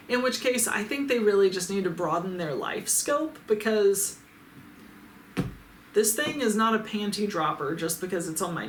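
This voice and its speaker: In this casual vlog, an adult toy reviewer and YouTuber with a Midwestern American accent reads out viewer comments, swearing freely in a blunt, sarcastic way. She has a mid-range, slightly bright voice over slight background noise, and the recording carries a roomy echo and faint ambience.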